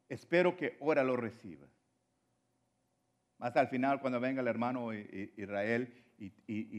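Spanish-speaking man preaching with swinging intensity. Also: medium pitch. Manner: preaching with swings between loud exhortation and quiet drops. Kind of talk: sermon.

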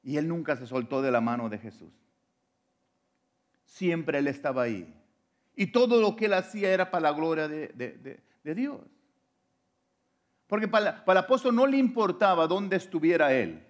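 A man's voice: a little high, expressive, moderate pace, pauses often. A man preaching a sermon. He speaks earnestly and directly to his listeners, often restarting words, and grows more fervent and emphatic.

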